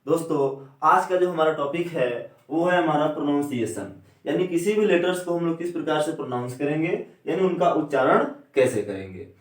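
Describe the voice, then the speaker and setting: A man teaching an English pronunciation lesson. He keeps asking questions and answering them himself, and he slows down to spell out vowel sounds. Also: on the high side, expressive. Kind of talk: classroom lecture. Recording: echoey room, a bit far from the mic.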